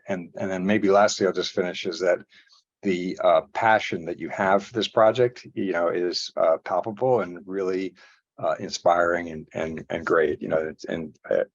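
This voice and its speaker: Man, very deep voice, earnest remarks, fillers, muffled. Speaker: guest commenting on a talk. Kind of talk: spontaneous remarks at an event.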